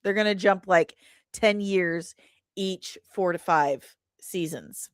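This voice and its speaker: In a clean studio recording without room sound, a woman with a fairly low voice speaks slowly as she hosts an entertainment news livestream. She responds to chat comments in a chatty, playful, irreverent manner, using slang and pet names.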